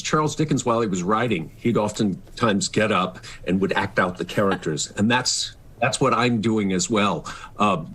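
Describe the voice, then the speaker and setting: The recording is rough on this remote video call, where a middle-aged or older stage actor talks earnestly and expressively as a guest in a casual, reflective interview. He has a lowish, husky voice with a fairly bright tone.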